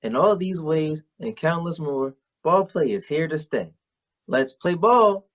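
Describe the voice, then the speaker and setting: A man acts out a young college-student puppet on a children's show. His voice sits fairly high. He reads an educational report earnestly, presenting each point to the kids. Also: animated, unhurried. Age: young adult. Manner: earnest, presentational read-aloud.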